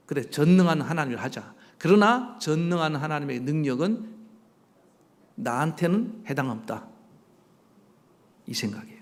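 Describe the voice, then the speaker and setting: A male pastor preaching a sermon, animated, asking the congregation rhetorical questions and acting out quoted voices. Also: on the high side, gravelly, in a large hall. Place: church sanctuary.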